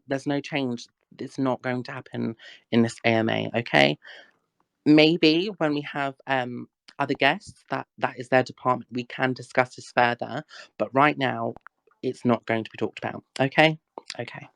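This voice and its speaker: A woman's voice: extremely low pitch, creaky, no echo. A woman hosting a casual livestream Q&A who chats freely, scolds her chat and laughs often. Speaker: livestream Q&A host.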